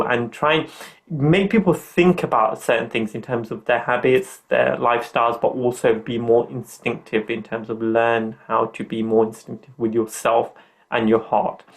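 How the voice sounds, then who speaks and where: A man's voice: medium pitch, steady tone, normal speed. A middle-aged man hosting a podcast, talking in an earnest, upbeat, motivational way. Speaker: podcast host.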